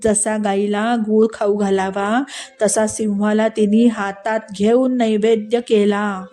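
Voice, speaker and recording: A woman narrates a devotional story with animated, repetitive emphasis. Her voice is soft and mellow in tone. Faint music plays underneath. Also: medium pitch, slow pace. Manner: animated, repeats phrases for emphasis.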